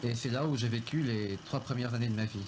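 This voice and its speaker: A man recalling his family's story in a film interview, reflective and halting, with many pauses. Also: medium pitch, background noise. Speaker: filmmaker recounting his family.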